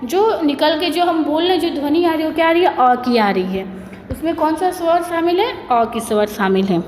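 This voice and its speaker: A woman's voice: high-pitched, lively intonation, moderate pace, a little mellow, a little hiss or hum. A woman teaching a Hindi grammar lesson, asking questions and answering them herself, drawing out each letter sound. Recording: echoey room, long reverb.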